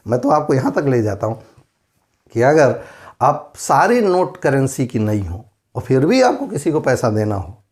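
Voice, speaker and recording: A man with a somewhat higher-than-usual voice teaches an exam-preparation economics class in Hindi. He explains patiently, poses rhetorical questions and checks that listeners follow along. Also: dark tone. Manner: explanatory, asks rhetorical questions, everyday examples. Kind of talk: exam-prep lecture.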